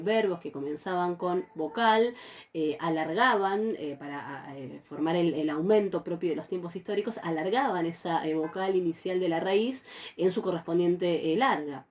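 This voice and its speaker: Patient woman lecturing, mellow low voice. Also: a little hiss or hum. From Argentina. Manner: patient, explanatory, many "eh" fillers and checks like "¿sí?". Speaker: university Greek teacher. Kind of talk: recorded lecture.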